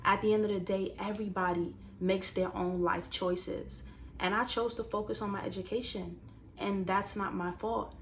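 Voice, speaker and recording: A woman in her twenties, casually telling a personal story to viewers and turning it into motivational advice, animated and talking straight to the audience. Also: medium pitch, normal speed, a little hiss or hum. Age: 20s. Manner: animated, conversational, addresses viewers directly. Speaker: vlogger.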